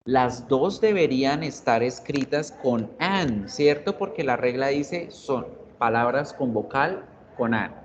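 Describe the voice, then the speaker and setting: A man teaching a beginner English class online, patiently explaining and repeating words slowly for his students. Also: medium pitch. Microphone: computer mic on video call. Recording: dull audio with faint noise.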